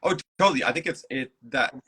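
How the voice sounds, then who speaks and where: A man's voice: medium pitch, quick pace, bright, forceful tone, husky. A man who is a guest and play designer in a casual conversation, talking in a reflective and playful way. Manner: reflective, playful, breaks into silly acted-out voices.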